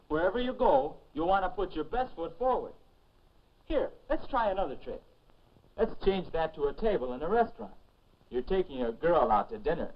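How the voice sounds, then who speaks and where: An actor playing a teenage boy's grown-up future self, patiently explaining good manners in 1950s educational film narration. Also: a little high. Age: young adult. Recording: dull lo-fi 1950s film soundtrack.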